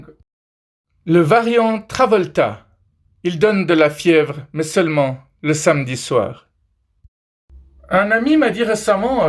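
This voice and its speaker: A man hosting a comedy video, joking his way through pictures with playful, teasing asides to viewers. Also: on the high side.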